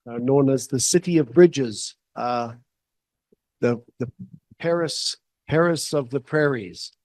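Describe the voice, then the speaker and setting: A man with a North American English accent that carries into his imperfect Spanish, a native English speaker giving a halting conference talk as guest lecturer. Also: medium pitch, a little mellow, dry recording. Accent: North American English accent, also when speaking Spanish. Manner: halting, with short phrases.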